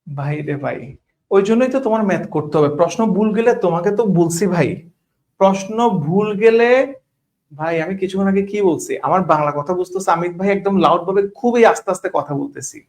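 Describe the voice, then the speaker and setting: A man's voice: high voice, lively intonation, fast. A man tutoring math, talking casually, often checking if students understand and mixing in English words. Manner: mixes English words into speech. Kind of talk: online class teaching.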